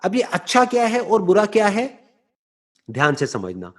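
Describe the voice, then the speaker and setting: A man giving a slow, deliberate motivational talk, often checking in with rhetorical questions and slipping into English phrases. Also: high-pitched, wildly swooping pitch. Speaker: motivational speaker. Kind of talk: explanatory talk answering a listener.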